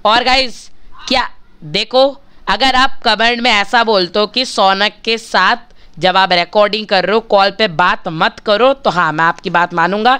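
A man's voice: high-pitched, measured pace, pushed and bright, clear, resonant tone. A male gaming channel host giving chatty, casual commentary while he plays, talking straight to his viewers and bargaining with them for likes.

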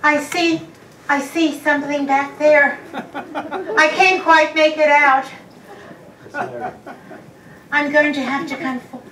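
A woman's voice: sits high, steady tone, slow pace, long pauses, a bit bright. An older woman acting a theatrical psychic medium in an amateur stage play, dramatic with gasps and exclamations. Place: community hall stage with live audience. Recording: echoey hall from far off, noisy.

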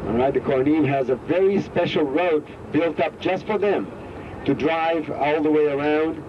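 Male tour guide, slightly high voice, chatty and explanatory, old camcorder audio, dull lo-fi sound with street noise behind. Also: normal speed. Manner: explanatory, conversational. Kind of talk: casual guided tour talk.

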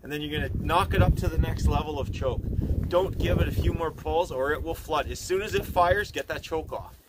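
A man in his forties giving a relaxed, folksy how-to demonstration outdoors in a snowy yard, talking on a camera mic that drifts nearer and farther. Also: fairly high pitch, fairly quick. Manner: relaxed, folksy, thinks aloud with fillers. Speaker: channel host demonstrating chainsaw maintenance. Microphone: camera mic, he moves nearer and farther. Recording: outdoor camera audio with clear background noise.

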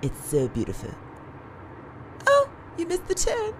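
An amateur actor voicing a sweet, naive, girlish hitchhiker in an animated parody, awkwardly polite. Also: very high-pitched, a little slow, a little hiss or hum, heavily acted, low-quality recording.

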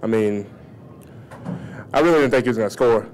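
Young male player, slightly low voice, loose and casual at the press table. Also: a little fast, a little mellow, slight background noise. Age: young adult. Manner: casual, retelling plays. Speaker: college football player. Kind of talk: postgame press conference. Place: press conference room. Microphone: table mic.

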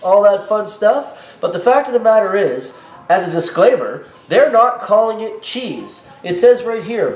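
This casual home vlog features a man in his thirties, stuffed up with a cold, speaking indignantly and warningly to the camera in a high voice. Recorded on a camera mic a short way off, the kitchen sounds echoey, with faint noise underneath.

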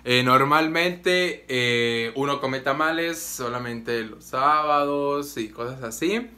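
Speaking slowly in a mid-range voice that is pushed and bright yet clear and resonant, a young Guatemalan vlogger chats casually. He rambles with fillers and restarts while out and about at the market and at home.

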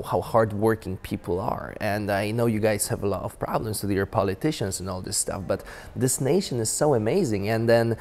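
A man's voice: lowish voice, a little mellow. Enthusiastic man vlogging. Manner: enthusiastic, repetitive restarts, non-native phrasing. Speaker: business vlogger. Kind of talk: casual to-camera advice talk.

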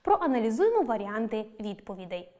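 Teacher, woman, scripted lesson delivery, fairly high pitch, deliberate and clear. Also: very animated, a little mellow. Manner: clear, deliberate, stresses each example word.

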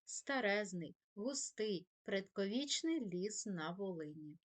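A woman teacher reading a scripted grammar lesson, saying her examples slowly and carefully as if dictating. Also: mid-range voice, lively intonation.

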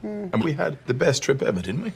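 A man's voice: on the high side, very animated, a little fast, vocal fry. A man with an Australian accent playing an easygoing tour companion in a casual scripted commercial. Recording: loud music behind the voice.

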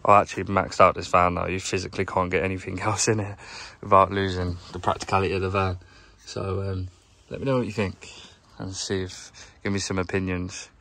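A young plumber who vlogs talks in a low, gravelly voice, rambling in a flat, offhand, low-key way. He narrates casually while working, filming himself on a handheld phone as he sorts out his work van, moving between inside the van and the outdoors nearby.

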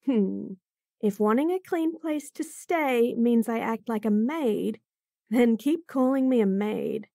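A woman acts out a fantasy roleplay as a bratty bunny-girl chef, talking directly to and teasing the listener in this F4M monologue. Her fairly high voice is creaky and warm, and she speaks slowly. The sound is dry and studio-clean.

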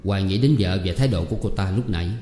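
A man narrates a novel in calm, even audiobook storytelling. His voice is low and warm. The reading rings in an echoey room with a long reverb. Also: racing, faint music behind. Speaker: audiobook reader.

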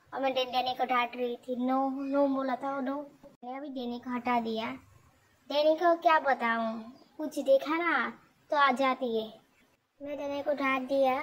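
A woman's voice: sits high, poor audio. A woman narrating a casual vlog as she cares for a hurt bird and scolds her dog. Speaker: vlogger.

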